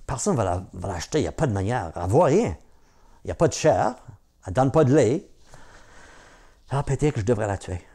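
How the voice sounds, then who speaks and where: A man voicing a young man in a spoken folk tale, lively and questioning. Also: mid-range voice, a little fast, pauses often. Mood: puzzled. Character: young man, wary and practical.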